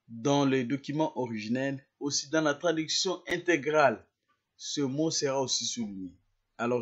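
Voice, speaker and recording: Hesitant man in a lo-fi software tutorial. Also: medium pitch, slightly rough. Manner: hesitant, repeats words while explaining. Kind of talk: screen-recorded software demonstration.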